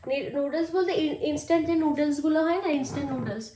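A woman's voice: sits high, fast talker, dark tone, roomy sound. Chatty young Bengali woman vlogging. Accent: West Bengal Bengali. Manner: talkative, addresses viewers directly. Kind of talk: casual chatty vlog to camera. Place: at home indoors. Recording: clear background noise.

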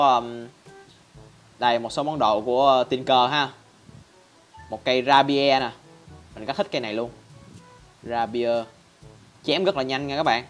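A man hosting a casual game tutorial in a chatty style, constantly addressing viewers. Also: mid-range voice. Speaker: Minecraft channel host.

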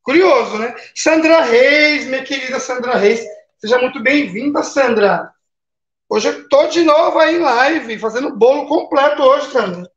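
A man's voice: very high voice, expressive, unhurried, fairly bright tone. A man with a Brazilian accent hosting a casual baking live stream, chatting and greeting viewers by name, with lots of tag questions. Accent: Brazilian Portuguese. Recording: roomy, slightly dull live-stream audio.

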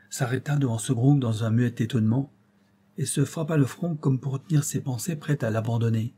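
Male audiobook reader, mellow dark voice, slight husk, measured expressive delivery. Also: mid-range voice, breathy edge. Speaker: audiobook narrator. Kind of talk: scripted audiobook narration.

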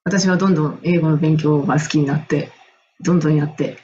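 Middle-aged woman from Japan, lively, chatty coach recounting memories; slightly dull recording with a light hiss. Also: sits low, fast. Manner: animated, enthusiastic, laughs often. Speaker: English and music coach. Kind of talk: casual storytelling monologue.

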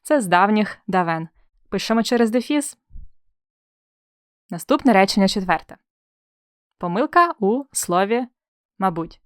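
A woman's voice: mid-range voice, expressive, a little slow, long pauses, smooth, no room sound. Young female tutor, friendly exam-prep explainer, dry close recording. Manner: friendly explaining, playful comparisons, rhetorical questions. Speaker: teacher. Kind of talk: exam-prep spelling lesson.

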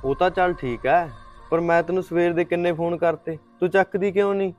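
A man's voice: high-pitched, fairly even intonation, a little fast, dull audio, faint music behind, lightly acted. A young man in a short film playing a caring college friend who reassures her. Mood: concerned. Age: young adult.

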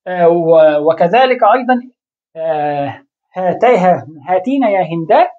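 A woman's voice: fairly low pitch, a little mellow. Woman teaching grammar, lo-fi sound. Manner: explanatory, rhetorical questions to students. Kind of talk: explaining grammar lesson. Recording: dull lo-fi recording.

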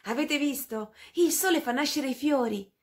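A woman playing a cheerful, curious mouse girl who presents a children's puppet show, lively and exclaiming. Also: high-pitched, moderate pace, close to an everyday voice.

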